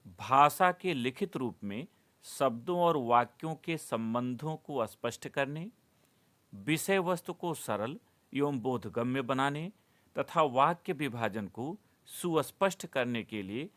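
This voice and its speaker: A middle-aged man teaching a Hindi grammar lesson, explaining rules step by step and listing items slowly, as if for dictation. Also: medium pitch, fairly bright tone. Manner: slow, deliberate, dictation-like enumeration.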